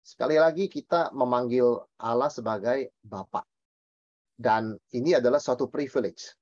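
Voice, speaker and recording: Male pastor teaching Bible study, emphatic and lively, mid-pitched, dry muffled recording. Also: normal speed, no room sound. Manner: lively, emphatic, asks and answers his own questions; mixes in English words.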